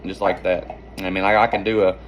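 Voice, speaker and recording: A man's voice: low voice, level tone, a little fast, noisy background. A man giving an informal hands-on lesson as a hunting instructor, explaining in a folksy, rambling way. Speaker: duck-calling instructor and hunter.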